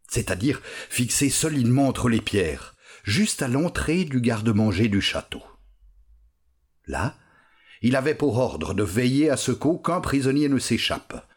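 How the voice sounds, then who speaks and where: A man reading a storybook aloud with expressive, unhurried storytelling. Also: on the low side, slightly rough. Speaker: narrator. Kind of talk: storybook narration.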